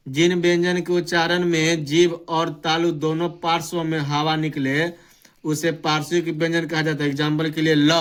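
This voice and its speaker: A young man giving an exam-prep grammar lesson, reading out definitions slowly and repeating them. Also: on the high side, a bit bright. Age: young adult. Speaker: teacher.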